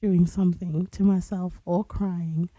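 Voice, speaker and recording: A woman co-hosting a podcast in casual chat, with a flat, low-key, bored-sounding manner. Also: measured pace, no echo. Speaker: podcast co-host.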